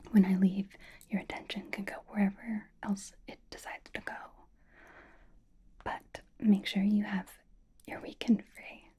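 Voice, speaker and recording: A woman's voice: mid-range voice, little pitch movement, unhurried, warm tone, husky. Whispering woman, teasing and blunt. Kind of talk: whispered roleplay monologue to the listener. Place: library.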